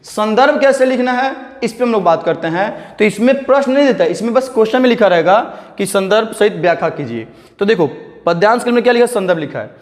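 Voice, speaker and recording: A man's voice: sits high, expressive, fast talker, long reverb tail. A young man teaching an exam prep lesson in a casual, coaxing way, asking questions and answering them himself, with English words mixed in. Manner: coaxing, asks and answers his own questions; mixes English words into speech.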